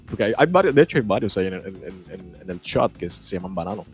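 A man's voice: deep voice, expressive, fast talker. A man chatting casually as a guest co-host of a live stream, laughing a lot and stammering, with faint music in the background. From Italy. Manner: chatty, laughs often, stammers and repeats words.

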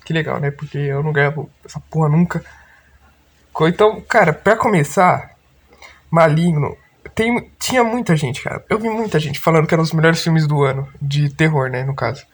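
A man's voice: a little high, normal speed, slightly rough. A young man with a Brazilian Portuguese accent hosting an unscripted podcast alone, rambling in loose slang and swearing freely. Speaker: podcast host. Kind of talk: unscripted casual monologue.

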